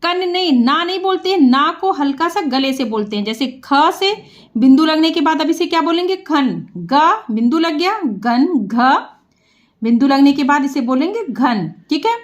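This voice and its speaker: A woman's voice: sits high, lively intonation, moderate pace. A woman teaching reading, patiently drawing out syllables for practice. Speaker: Hindi teacher. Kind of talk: slow, clear reading lesson.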